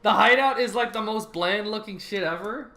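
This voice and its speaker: A man's voice: sits high, normal speed, sharp tone. A man hosting a casual podcast chat, joking and boastful, swearing freely. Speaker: podcast host.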